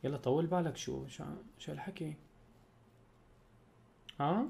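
A man's voice: a little high, moderate pace, vocal fry, dark tone. A man with a Syrian accent, a YouTuber talking by phone, soothing and reassuring a friend over and over. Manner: consoling, soothing, repeats reassurances. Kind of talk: phone call.

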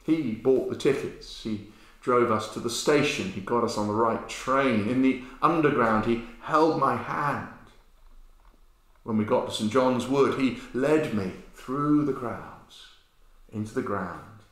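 A man in his fifties preaching a sermon, animated storytelling that swings between loud and hushed, recorded indoors in a bare room by a camera at medium distance. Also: medium pitch, measured pace. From England. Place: bare-walled room indoors, with a sign language interpreter beside him. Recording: very echoey room.

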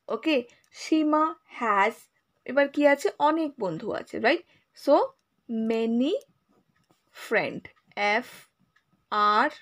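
Bengali woman teaching grammar at a board. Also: high-pitched. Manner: spells words letter by letter, asks checking questions. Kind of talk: board lesson on English grammar.

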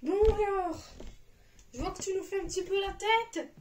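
A woman's voice: very high-pitched, normal speed, very noisy. Firm mother scolding her child. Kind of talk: casual family vlog. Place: family home indoors.

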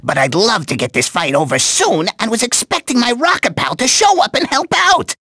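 A goblin-like mad doctor from a cartoony video game, gleefully wicked yet chatty. The voice is raspy, bright and forceful, very animated, with drawn-out theatrical words and muttered wisecracks on the side. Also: male voice, extremely high pitch, no echo, clean studio sound, exaggerated voice. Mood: chummy, sly. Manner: chatty, wisecracking, theatrical, swinging between exclamations and muttered asides. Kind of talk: exaggerated cartoon game voice acting.

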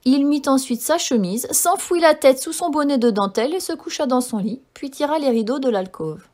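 Female storyteller, fairy-tale reading, clear and gentle, slightly high pitch. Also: animated, moderate pace. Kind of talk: scripted fairy-tale narration.

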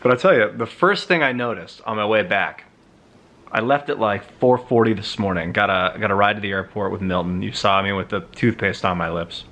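A man in his thirties vlogging casually into a handheld camera, relaxed and reflective, rambling between thoughts. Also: on the low side, fairly quick. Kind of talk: casual travel vlog. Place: airport and apartment. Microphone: handheld camera at arm's length. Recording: loud background noise.

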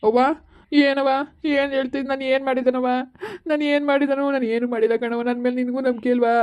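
A woman's voice: sits high, flat delivery, fast talker, dull audio, lightly acted. Woman playing a grieving cast-out young husband. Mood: tearful pleading. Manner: pleading and self-pitying. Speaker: son in a village drama.

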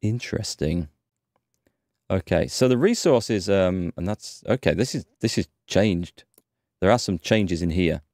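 With an expressive, low-pitched voice that's a little mellow, this gaming streamer moves at a measured pace through casual let's-play commentary, thinking aloud into a headset mic. He's an Englishman in his thirties with a North Yorkshire accent and a slight cold. The audio is dry and studio quality, recorded indoors in his home streaming room.

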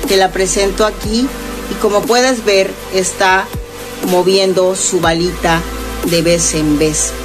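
A woman speaks to her viewers at an unhurried pace. Her pitch sits in a middle range, and her tone is earnest and inviting. Clear background music runs under her voice throughout. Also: fairly even intonation. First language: Spanish. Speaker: paranormal vlogger. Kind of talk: casual vlog narration.

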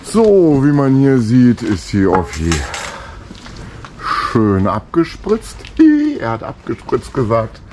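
A man's voice: medium pitch, huge pitch swings, takes it slowly, dark tone, a little hiss or hum. An older man filming himself at a boatyard, talking casually with jokey, self-mocking asides into an action camera held at arm's length. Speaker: sailing vlogger. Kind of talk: casual self-filmed commentary. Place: outdoor boatyard.

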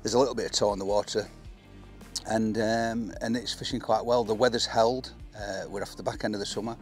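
Outdoors on an open reservoir bank, an English-accented angler and presenter in his fifties presents a fishing match to camera. His lowish voice is steady and a little fast, with soft background music.

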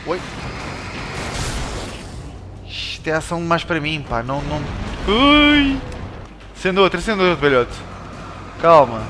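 A man with a European Portuguese accent giving excitable commentary while playing a game, yelping and shouting at scares. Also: a little high, moderate pace, long pauses. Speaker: let's play gamer. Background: game music.

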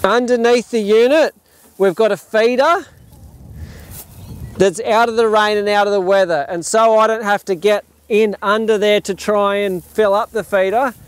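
A farm owner in his thirties with an Australian accent gives visitors an outdoor tour of his open paddock, explaining enthusiastically with fillers and frequent restarts, filmed by a distant camera. His voice sits high and is clear and resonant, with fairly even intonation at a moderate pace.

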